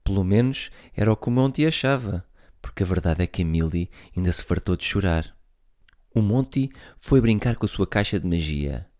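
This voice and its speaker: A man reading a children's story aloud, lively and talking to young listeners. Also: low-pitched, moderate pace.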